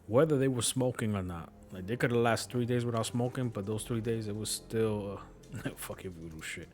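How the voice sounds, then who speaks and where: A man with a New York accent and a low, darkish voice talks briskly while streaming a game. He rambles through stories in a laid-back way, swearing as he goes.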